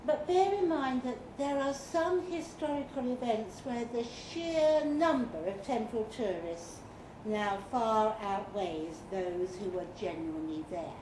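A woman performs a live reading of a comic guidebook at a pub fiction event, slightly slow, with a voice that is a little high and animated. She uses a dry, mock-official tone with playful emphasis. Audience laughter and room noise come through in this roomy, noisy recording from the function room.

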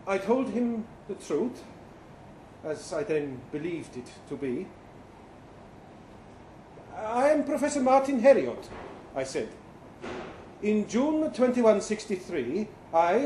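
Here a man gives a high, dark-toned voice to an earnest, bewildered professor who claims he's from the future, speaking formally and precisely but with hesitant, halting pauses. It's a dramatic first-person short story read aloud at an indoor literary event, and the roomy live space has faint background noise.

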